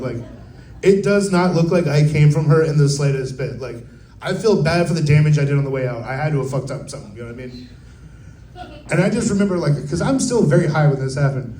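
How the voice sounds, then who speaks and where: A young man telling a profane, laid-back stand-up story at an open mic, slipping into quick voiced quotes. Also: a little high, dark tone, slight background noise. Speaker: stand-up comedian. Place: open mic at a coffee bar. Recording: roomy live venue sound.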